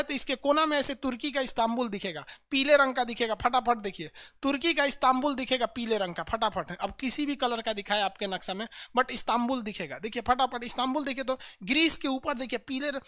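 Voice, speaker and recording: A man's voice: extremely high pitch, pushed and bright. A man teaching a geography map lesson, chatty and repeating place names in chant-like drills.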